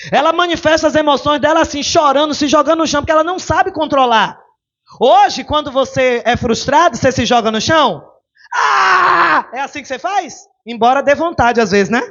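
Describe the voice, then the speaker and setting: Brief: woman pastor, animated sermon, high voice, dull lo-fi recording. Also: brisk. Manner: animated, rhetorical, questions the congregation.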